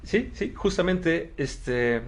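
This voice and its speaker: A man's voice: on the high side, lively intonation, drawn-out words, a little hiss or hum. A man hosting a psychology podcast, explaining research in a chatty way, with frequent tag questions and repeated words. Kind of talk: casual conversational podcast.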